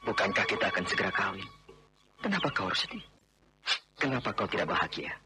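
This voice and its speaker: A man's voice: mid-range voice, wildly swooping pitch, fast, over music. An actor playing a domineering man who insists on marrying a woman he wronged, in a 1980s radio drama. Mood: insistent. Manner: insistent, overbearing, then remorseful.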